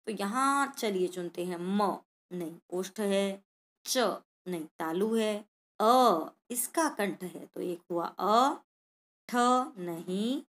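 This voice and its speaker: A female Sanskrit teacher works through a worksheet lesson in a mid-range voice, sounding out each letter and talking straight to the children watching.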